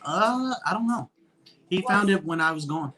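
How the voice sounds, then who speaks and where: A man chatting as a guest on a live stream, joking and answering back quickly. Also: high voice, lively intonation, bright, forceful tone. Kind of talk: casual live stream chat.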